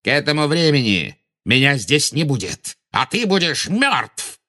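A man voicing Voldemort, a snarling dark wizard. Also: mid-range voice, big pitch swings, slow pace, heavily acted. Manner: snarling, contemptuous. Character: cold menacing male dark wizard.

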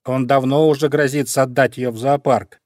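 A man voicing a clever, bossy small male animal in a storybook, giving orders briskly. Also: medium pitch, steady tone, darkish tone, no room sound, studio quality, close to an everyday voice. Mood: indignant. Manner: brisk, commanding.

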